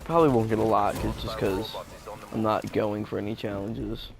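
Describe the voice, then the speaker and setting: A man's voice: fairly low pitch, steady tone, normal speed, vocal fry. A young man giving live gameplay commentary as a gaming YouTuber, rambling with many fillers and restarts. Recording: gameplay gunfire loud behind. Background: game gunfire and explosions.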